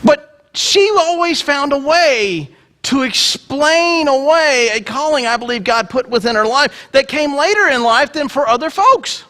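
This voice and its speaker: Middle-aged male preacher, lively self-mocking storyteller, very expressive pitch. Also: measured pace. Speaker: pastor. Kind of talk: sermon.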